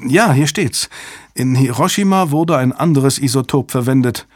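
A man reading a hurried female technician who reads data aloud, quick and eager. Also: mid-range voice, dry recording, voice pushed up, natural voice. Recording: dry close studio sound.

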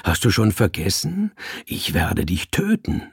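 A man voicing a vengeful alley cat who taunts and threatens its old tormentor in slow, hard words. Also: sits low, huge pitch swings, creaky, husky, no echo, studio quality, full character voice. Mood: menacing.

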